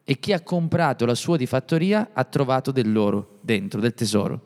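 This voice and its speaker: A man's voice: medium pitch, expressive, normal speed, a little mellow. A man co-hosting a podcast in informal, playful, rambling conversation, his voice congested and stuffy from a cold. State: has a cold. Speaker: podcast co-host. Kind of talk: casual unscripted podcast conversation. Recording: long reverberant hall echo.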